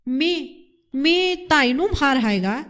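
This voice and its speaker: Woman doing a grave, calm villager. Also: high voice, takes it slowly, voice pushed up, full character voice. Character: solemn poor villager, grave calm man.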